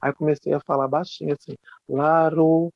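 A man with a slightly high voice tells comic tales in an interview, lively and theatrical, often popping into shrill voices for the people in his stories. The sound is dull and lo-fi, and very dry. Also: fast, no room sound. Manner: animated comic storyteller, swings into high put-on voices. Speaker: guest author. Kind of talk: storytelling interview chat.

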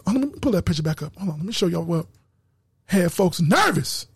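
A man preaching an impassioned sermon, shouting, stammering and repeating words as he drives his points home. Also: high-pitched, expressive, fairly quick, creaky, breathy edge, no echo, studio quality.

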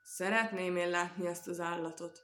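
A woman's voice: lowish voice, fairly even intonation, fairly bright tone, close to an everyday voice. A woman voicing a proud, strong male bear who speaks with self-assurance, recorded in an echoey room.

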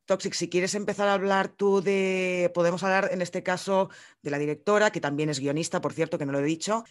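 A woman's voice: fairly low pitch, fairly even intonation, fairly quick. A woman with a Spain Spanish accent co-hosts a casual film podcast. She talks in a chatty, loose way, explaining things and joking as she goes. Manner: chatty, explains and jokes freely. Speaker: podcast co-host.

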